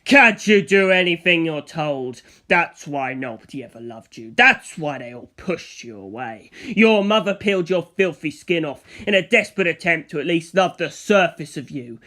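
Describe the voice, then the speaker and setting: A man voicing a cruel, domineering male vampire villain in an audiobook, raging with snarling contempt and shouted abuse. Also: on the high side. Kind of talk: audiobook character acting.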